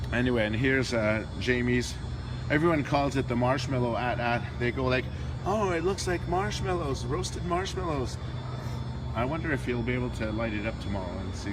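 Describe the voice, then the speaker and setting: On a convention hall floor, a tired diorama workshop host who is losing his voice gives a handheld phone walkthrough of a big build. His mid-range voice competes with a noisy background as he rambles offhand and trails off mid-sentence.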